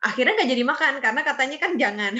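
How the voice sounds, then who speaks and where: A woman's voice: high voice, animated, fairly quick, bright, forceful tone, muffled recording. A young adult woman presenting a student assignment in a casual, chatty way, with lots of fillers. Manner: chatty, with many fillers and tag words.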